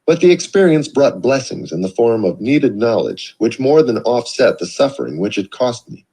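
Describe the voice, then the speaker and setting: A man reads an audiobook in a husky, slightly breathy voice with a dark tone. His delivery is measured and earnest yet sing-song, his pitch shifting with plenty of life from phrase to phrase.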